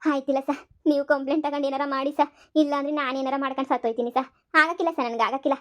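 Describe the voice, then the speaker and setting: A woman's voice: high voice, steady tone, quick pace, a bit bright. A woman doing a wailing village grandmother. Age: over 60 (figure). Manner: wailing, pleading, repeats "sir" constantly. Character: elderly grandmother, scheming and melodramatic. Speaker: complainant at a police station. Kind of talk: cartoon comedy voice acting.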